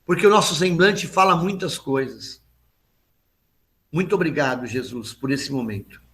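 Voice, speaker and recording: A man's voice: on the high side, expressive, moderate pace, fairly bright tone. A man, a pastor, giving closing blessings and greeting church members at an online meeting. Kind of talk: casual church video call greetings.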